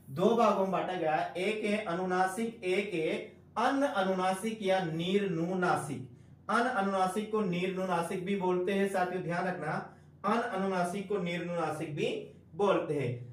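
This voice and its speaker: High-voiced man teaching grammar, echoey room. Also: far from the mic. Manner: repeats key terms and asks the class questions; addresses listeners as friends, slow deliberate emphasis. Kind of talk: online exam-prep lecture.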